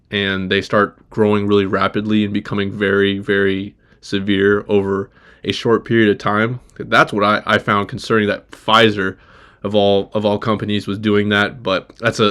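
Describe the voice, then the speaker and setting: A man with a fairly low voice talks in a casual, conversational way. He thinks aloud and hedges as he goes, keeping the wording loose and informal. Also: a bit bright. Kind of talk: casual political chat.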